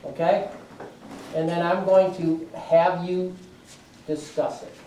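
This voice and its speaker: A woman teaching a math class, giving brisk directions and checking for understanding with frequent questions. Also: on the low side, level tone, dark tone, slight background noise. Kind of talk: classroom instruction. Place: large echoey classroom with students. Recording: echoey classroom, distant mic, student chatter.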